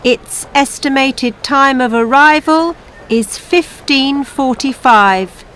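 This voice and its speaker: A woman playing an airport announcer, making formal, measured flight announcements for a language exercise. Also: high-pitched, fairly bright tone, slight background noise. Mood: formal, neutral. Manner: formal, measured, clearly enunciated public announcing. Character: female airport announcer giving flight notices.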